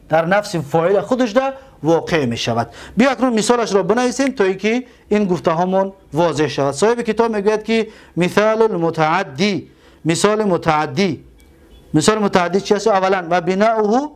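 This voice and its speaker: A man with a fairly high voice and a Tajik accent teaches a grammar lesson. He drags out example words slowly and poses questions to the class that he answers himself.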